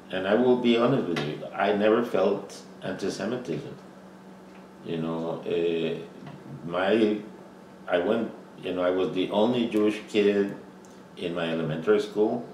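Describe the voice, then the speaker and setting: A Costa Rican man in his seventies, with a very deep, darkish-toned voice, is interviewed for an oral history. He speaks haltingly, often filling gaps with "you know," and the distant mic gives a roomy sound with faint noise.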